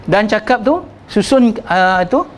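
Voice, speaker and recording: A man's voice: sits high, animated, slow pace, poor audio. A man with a Malaysian Malay accent giving a workshop lecture as a religious teacher, conversational, acting out examples and often checking in with "ya". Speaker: religious teacher leading a sermon-writing workshop.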